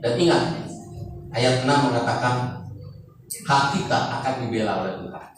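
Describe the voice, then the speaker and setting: A man's voice: medium pitch, moderate pace, slight background noise. An older man preaching a sermon in a conversational way, asking the congregation rhetorical questions. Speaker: pastor. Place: church service. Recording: echoey church hall, distant mic.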